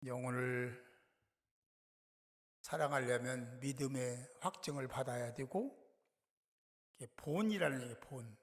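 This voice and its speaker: A man's voice: mid-range voice, measured pace, pauses often, in a large hall. A male pastor giving an emphatic sermon that swells suddenly in volume, recorded in a church sanctuary.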